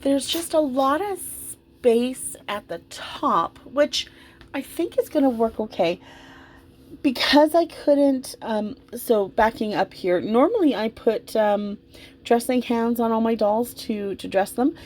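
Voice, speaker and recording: Her voice is a little high, darkish and animated, and she takes her time as she talks. This doll vlogger offers informal, gushing, meandering commentary while putting clothes on a doll.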